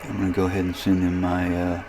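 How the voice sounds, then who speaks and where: This man's voice sits low, and his delivery is completely flat as he walks through a relaxed screen demonstration from his camper, musing aloud. He's a ham radio demonstrator who hosts his own channel, and radio interference and electrical noise hum clearly behind him.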